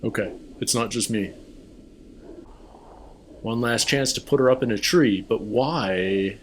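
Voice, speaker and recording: Guy reacting to a show for the first time, talks slow, lots of whoa and what. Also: medium pitch, a little hiss or hum. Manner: excited, full of questions and exclamations. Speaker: reaction video host.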